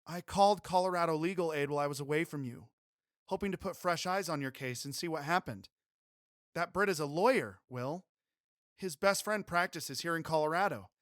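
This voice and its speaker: A man's voice: fairly high pitch, brisk, fairly bright tone, dry recording, studio quality, pitched above the performer's own voice, natural voice. A man voicing Emmy Jo, an eager young cowgirl. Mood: excited.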